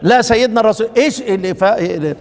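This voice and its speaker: A man with an Egyptian accent lectures on recitation rules in a fairly high voice. He quizzes his audience with questions he answers himself, stumbling over repeated words along the way. A long hall reverb trails behind everything he says. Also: racing. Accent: Egyptian Arabic. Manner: repeats and restarts words while thinking. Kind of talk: classroom lecture.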